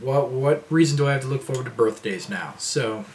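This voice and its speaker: A man's voice: medium pitch, brisk, a little mellow, slight background noise. A man in his thirties rambling casually to camera in a vlog, with lots of fillers and restarts. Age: 30s. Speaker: vlogger.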